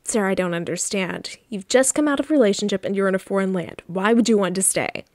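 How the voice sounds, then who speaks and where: A woman reading the lines of a bossy, controlling wealthy mother in a story game, briskly and commandingly. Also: mid-range voice, a little mellow, no echo, studio quality, natural voice. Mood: stern.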